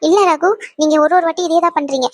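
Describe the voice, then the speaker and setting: A sulking young wife in a cartoon, voiced by a woman, reproachful and indignant toward her husband. Her voice is high, and her words pour out very fast. The recording is dry and close. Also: steady tone, no room sound, lightly acted. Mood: hurt. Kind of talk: cartoon voice acting.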